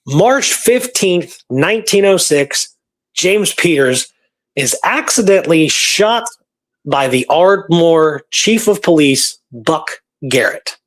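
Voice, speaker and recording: Telling history stories in a relaxed, conversational way, this podcast host presents his research and works through dates and records closely. His fairly high voice is animated yet slow.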